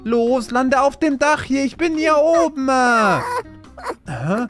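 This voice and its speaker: A man's voice: very high voice, sing-song, takes it slowly. A man playing a caretaker in a game role-play, talking in a playful, exaggerated way and scolding in mock outrage. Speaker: video creator playing a caretaker. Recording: game music in the background. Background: music.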